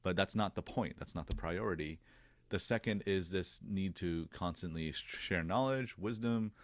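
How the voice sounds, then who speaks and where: Brief: deep-voiced male podcast host, earnest and reflective, dry close sound. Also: no room sound. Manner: earnest, reflective, many fillers. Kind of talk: casual interview chat.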